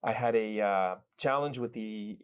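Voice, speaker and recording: A man's voice: on the low side, a little slow, clean tone. A man from El Salvador, a guest in an interview, telling his story reflectively, with frequent restarts and fillers. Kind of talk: conversational interview.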